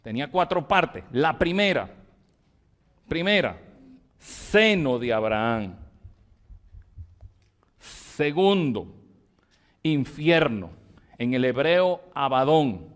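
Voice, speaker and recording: Emphatic Venezuelan pastor teaching Bible study. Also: male voice, fairly high pitch, big pitch swings, slow, long pauses. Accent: Venezuelan Spanish. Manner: repetitive, emphatic, dictating terms to a congregation.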